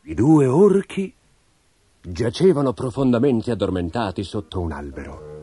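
A man telling a fairy tale in a dramatic, expressive storybook style over background music. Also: medium pitch, a little slow. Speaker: narrator. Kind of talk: storybook narration.

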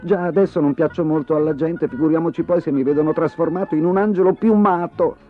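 A man voicing a rude, defiant boy in a storybook reading, with a high, strained childish voice and an insolent manner. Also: fairly even intonation, fast, soft background music, close to an everyday voice. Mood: grumbling. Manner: shouting, insolent. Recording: dry, tinny phone-like sound.

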